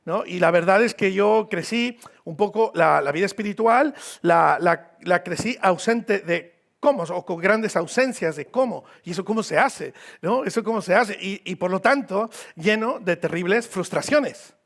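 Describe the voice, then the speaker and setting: This Mexican man, a visiting pastor with a Mexican accent, gives an informal, joking sermon in a church hall and repeats phrases for emphasis. His voice is high-pitched, gravelly and a bit bright, animated at a moderate pace.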